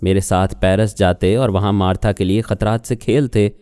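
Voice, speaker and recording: A man's voice: fairly low pitch, fairly even intonation, mellow, smooth, no room sound, studio quality, soft background music, close to an everyday voice. A man voicing a jealous young wife who accuses and argues, in an audiobook reading. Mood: accusing. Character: jealous young woman, sharp-tongued wife.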